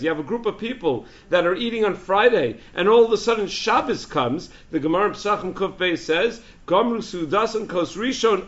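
High-pitched man teaching religious law, dull recording. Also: reverberant. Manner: rhetorical questions, repeating and answering himself. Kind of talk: religious lesson with quoted sources. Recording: dull, lo-fi sound.

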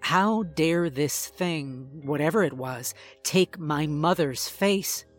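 Male horror narrator, higher voice, tense and measured, faint music bed. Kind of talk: first-person horror story narration.

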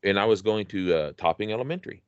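Rambling low-voiced man. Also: fast talker, smooth, dry recording, dull audio. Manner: rambling, many restarts and fillers. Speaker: podcast co-host. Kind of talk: casual nostalgic chat.

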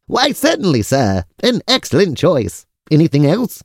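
A man's voice: a little high, wildly swooping pitch, normal speed, husky, no room sound, clean studio sound, heavily acted. A man playing an obliging, formal restaurant waiter with polite, eager service patter in a comic audio drama.

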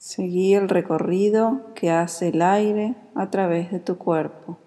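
A woman with a Rioplatense Spanish accent and a lowish voice leads a yoga nidra meditation, calm, soothing and unhurried. The recording carries a long, hall-like reverberant echo.

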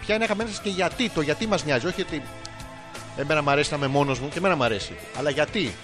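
Guy cracking crude jokes on a podcast, bit high voice, echoey empty room, faint music under. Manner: joking, crude, playful. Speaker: podcast co-host. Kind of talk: casual comedic banter. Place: emptied room with echo.

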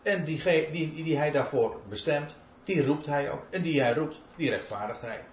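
A man's voice: fairly high pitch, normal speed, a little hiss or hum. A man preaching a sermon, reading out scripture verses and explaining them emphatically. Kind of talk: sermon, Bible exposition. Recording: roomy, dull lo-fi recording.

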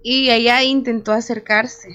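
A young woman telling a spooky story in a casual, animated chat, filling her talk with "o sea". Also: a little high, a little slow, clean tone. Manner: animated, many fillers like "o sea". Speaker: radio show team member telling a story. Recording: dull lo-fi recording with faint music.

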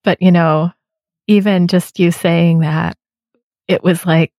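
A woman's voice: fairly low pitch, fairly even intonation, slow, warm tone, no room sound. A woman hosting a podcast conversation, speaking in a thoughtful, reflective way. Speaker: podcast host. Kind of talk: casual conversation.

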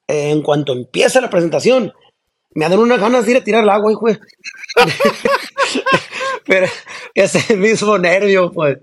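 A singer chatting as a guest in an interview, relaxed and laughing easily, with slangy talk. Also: male voice, high-pitched. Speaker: singer of a regional band, guest. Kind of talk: casual interview chat.

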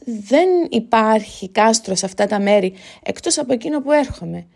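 A woman voicing a courteous young king who speaks gently and reassuringly. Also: on the high side, lively intonation, gravelly, slightly rough, exaggerated voice. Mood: gentle, curious. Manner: gentle, reassuring, then commanding.

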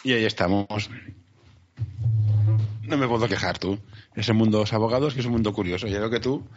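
A man's voice: fairly low pitch, a little fast. A man hosting a casual interview, chatting informally and often repeating words as he goes. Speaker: podcast host. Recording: dull sound with faint noise.

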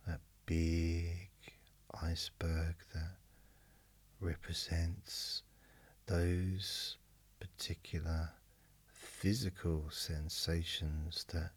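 A male hypnotist speaks in an extremely deep, breathy voice with very little rise or fall. His guided hypnosis is mesmerizing and unhurried, hushed almost to a whisper and spaced with long pauses. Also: flat delivery. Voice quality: very deep, breathy, husky, often near whisper. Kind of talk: slow guided hypnosis narration.

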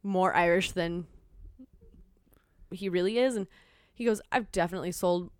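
A young woman from Minnesota, with a slight Minnesotan accent and a smooth, fairly low voice, chats casually at normal speed as a podcast guest. She's animated, acting out quotes in her stories and laughing often. The recording is dry and studio quality.

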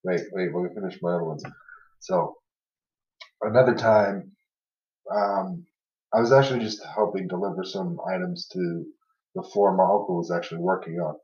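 A young man tells loose, filler-heavy anecdotes in a casual podcast chat, laughing through the funny parts. His voice sits low. He sounds set back from the mic in a roomy space with a dull, lo-fi tone. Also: moderate pace, long pauses, darkish tone, distant mic. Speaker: podcast co-host.

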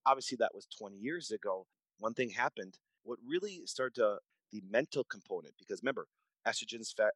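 A doctor in his forties, appearing as a podcast guest, tells stories from his medical practice in a conversational interview. His fairly low voice sounds dry and close with no room sound, in a low-quality recording, and he speaks emphatically, repeating words and restarting sentences.

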